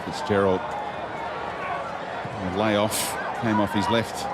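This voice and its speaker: A man's voice: fairly low pitch, little pitch movement, extremely slow. A man giving live football play-by-play commentary in clipped phrases as the game unfolds. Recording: loud stadium crowd noise. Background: stadium crowd.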